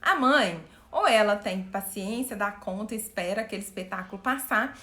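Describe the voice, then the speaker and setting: A woman coach speaking live to her viewers, animated, asking them questions and acting out what people say. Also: mid-range voice, normal speed, roomy sound. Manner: animated, asks the audience questions, acts out quotes. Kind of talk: live-stream talk to viewers.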